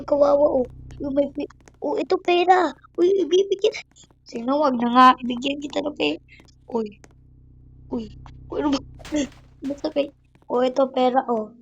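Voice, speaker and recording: High-voiced excitable woman gaming. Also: gravelly, highs cut off. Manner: excitable, chatty, code-switching, frequent exclamations. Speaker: YouTuber playing an online game. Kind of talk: casual gameplay commentary.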